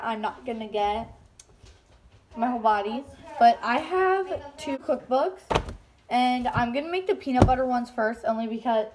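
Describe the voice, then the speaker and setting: In her home kitchen, a young woman narrates a casual vlog while baking, her fairly high-pitched voice chatty and self-deprecating as she rambles. Background noise sits behind her.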